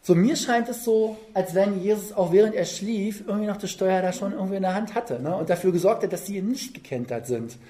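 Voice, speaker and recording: A preacher giving a relaxed, conversational sermon, telling the story vividly and often adding little tag questions. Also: medium pitch, fairly quick, few pauses.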